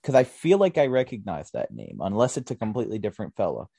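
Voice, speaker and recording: A man's voice: fairly low pitch, wildly swooping pitch, quick pace, vocal fry, mellow, slightly rough, dry recording. A man hosting a podcast, chatting casually in a rambling way. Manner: rambling, many restarts and fillers. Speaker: podcast host. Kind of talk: casual chat.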